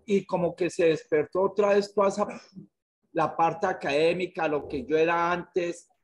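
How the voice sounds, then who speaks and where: A husky middle-aged man from Colombia speaks frankly and earnestly about his past, his voice set a little higher than most men's. He is heard over a webcam on a video call from an indoor room. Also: steady tone, moderate pace. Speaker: director of a therapeutic community.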